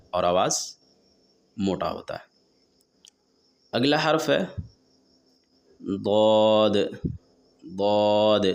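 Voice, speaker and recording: A man teaching a tajweed pronunciation lesson, explaining how each letter is formed and repeating the sounds slowly and drawn out. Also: fairly low pitch, gravelly. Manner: asks and answers his own questions. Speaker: Quran recitation teacher.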